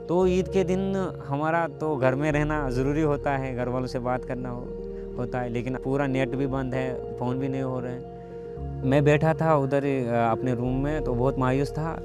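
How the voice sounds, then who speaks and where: Young man, casual testimonial, hesitant storyteller, average pitch, clear music bed beneath. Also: steady tone, a little slow. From Kashmir. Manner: conversational storytelling with hesitant fillers. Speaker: meditation teacher sharing his story. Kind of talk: personal testimonial. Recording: music playing clearly underneath.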